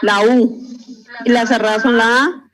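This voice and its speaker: A woman's voice: a little high, steady tone, a little slow, fairly bright tone. A young woman, a student in an online class, answering hesitantly over a video call. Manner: hesitant, unsure.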